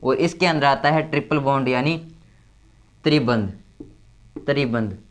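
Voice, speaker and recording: A man teaching chemistry step by step, who repeats key terms and counts slowly aloud. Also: on the high side, steady tone, fairly bright tone. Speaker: chemistry tutor. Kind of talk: explaining step by step at a board.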